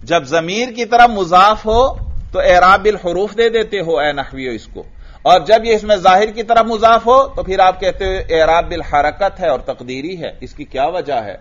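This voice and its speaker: A man with a Pakistani Urdu accent teaching Arabic grammar in a classroom lecture, asking questions and answering them himself, and reciting Arabic examples slowly. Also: sits high, a bit bright. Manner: drills students with questions and answers. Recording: dull lo-fi recording.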